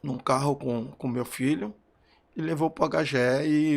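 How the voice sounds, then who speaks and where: A man, a grieving father, telling what happened in halting, repeated phrases while emotional. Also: mid-range voice, creaky. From Brazil. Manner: halting, repeating phrases, voice rising when recalling shouts. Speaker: bereaved father interviewed. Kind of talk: emotional testimony.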